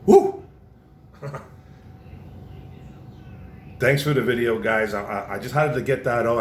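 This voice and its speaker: A man giving a passionate, repetitive casual sports rant as a vlogger, often tossing in "man". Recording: roomy echo, faint low rumble.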